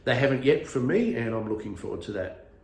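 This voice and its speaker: A man's voice: mid-range voice, sing-song, a little fast, creaky, a little mellow, reverberant. A self-deprecating man in his fifties, chatting casually in a home vlog and laughing at his own verbal fillers. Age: 50s. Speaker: vlogger.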